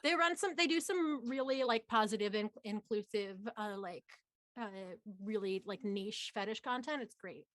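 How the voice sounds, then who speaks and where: A woman playing a tabletop game, joking around with lots of "like" and quick asides. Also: a little high, a bit bright, dry recording, studio quality. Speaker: player. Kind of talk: casual tabletop role-play.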